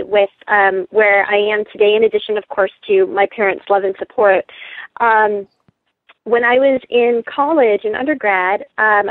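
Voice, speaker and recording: A woman's voice: mid-range voice, no room sound. A woman in her late twenties, born in South Korea, answering interview questions over the phone in a friendly, composed way. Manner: friendly and composed, with frequent um fillers and light laughs. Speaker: guest, entrepreneur and pageant titleholder. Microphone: telephone. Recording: tinny phone line.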